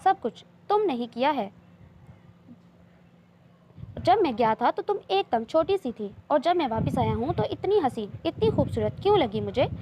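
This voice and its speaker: A teasing, loving young man from a romance novel, read aloud by a woman. He talks playfully and keeps pressing his point. The voice is fairly high, with a faint hiss of background noise. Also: very animated, normal speed, dark tone. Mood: teasing, tender. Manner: playful, coaxing, insistent.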